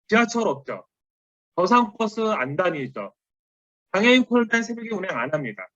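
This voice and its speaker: A middle-aged man lectures in a conversational way, quoting others as he goes. His voice rises and falls a lot, sitting a little high. The recording is dry and somewhat dull. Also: no echo. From South Korea. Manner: conversational, quotes others, lively emphasis.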